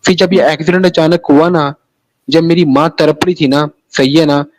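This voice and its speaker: A man from Pakistan, an interview guest, tells his personal story at normal speed in a voice on the high side with fairly even intonation. He rambles, restarts phrases, and keeps repeating tag phrases like "sahi hai na," all on a rough recording.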